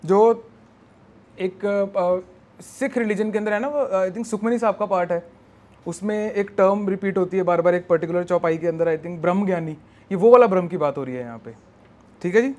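A high-pitched male teacher lectures in a mix of Hindi and English, switching between the two. He slows down to spell out terms and keeps checking in with his students. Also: a little mellow. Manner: mixes Hindi and English, spells words out slowly, checks with "right?". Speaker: exam prep teacher. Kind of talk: recorded classroom lecture.

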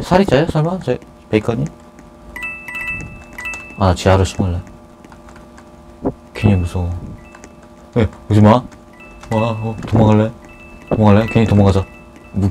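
A man giving casual commentary on an online game he is playing, swinging between loud cheers and nervous muttering. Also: fairly low pitch, poor audio. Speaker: gaming YouTuber.

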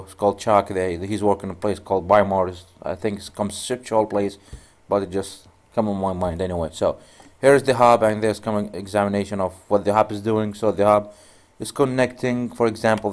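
A native Arabic-speaking man instructs on networking in a screen-recorded tutorial, his voice on the low side and a little mellow. His explanation rambles, with many false starts.

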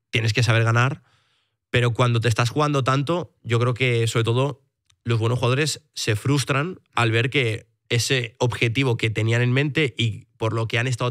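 A man's voice: medium pitch, fairly even intonation, moderate pace, a bit bright, dry recording, studio quality. A man from in a casual esports podcast, earnestly explaining himself with lots of hedges and tag questions. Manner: earnest, explains with many hedging tags. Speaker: podcast guest defending his own comments.

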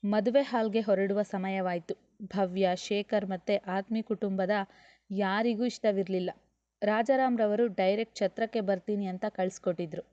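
A woman reads a serialized novel in an even storytelling manner. Her voice is mellow. The recording sounds dry and slightly dull. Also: mid-range voice, moderate pace, no echo. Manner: steady storytelling that voices every character. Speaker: audiobook narrator. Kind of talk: scripted novel narration.

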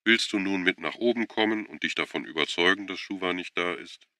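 A man's voice: sits low, a little fast, bright, forceful tone, dry recording, clean studio sound, pitched above the performer's own voice. A man reading an audiobook voices a tired, irritated woman who is a nurse, curt and weary, pleading when pressed.

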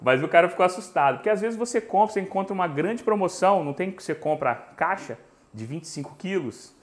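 Lively Brazilian man cooking live. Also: high-pitched, quick pace. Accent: Brazilian Portuguese. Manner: animated storytelling, chatty and joking with viewers. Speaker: cooking show host. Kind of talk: live cooking stream chat. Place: home kitchen, indoors. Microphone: lapel mic.

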